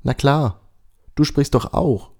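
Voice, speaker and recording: A man's voice: medium pitch, slow pace, gravelly, a little mellow, pitched above the performer's own voice. A man voicing a friendly, cheerful talking spider in a children's story read aloud. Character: friendly talking spider, big with long legs. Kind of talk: storybook reading.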